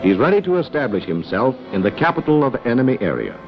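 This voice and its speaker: A man's voice: mid-range voice, very animated, quick pace. A man narrating a wartime training film in an instructive, commanding way, speaking straight to the trainee as in 1940s newsreel-era productions. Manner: instructive, commanding second-person address. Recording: dull 1940s film soundtrack, loud music.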